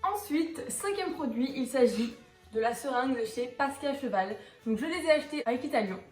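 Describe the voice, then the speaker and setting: High-voiced yet darkish in tone, this young horse vlogger sounds animated and fairly quick as she chats through a casual product review, stumbling over many fillers and restarts. Soft music plays in a roomy space.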